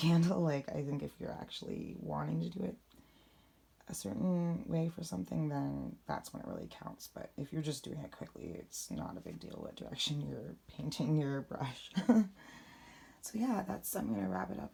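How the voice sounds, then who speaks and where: A young woman with a raspy voice, talking low and quietly late at night in a rambling, casual vlog. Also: sing-song, normal speed. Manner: rambling, many fillers. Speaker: vlogger. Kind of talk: casual spiritual how-to vlog.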